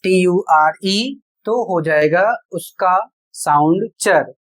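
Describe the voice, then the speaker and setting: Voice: medium pitch, slow pace. A teacher giving a spoken pronunciation lesson, spelling words out letter by letter and explaining each rule step by step with rhetorical questions. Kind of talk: classroom-style spoken lesson.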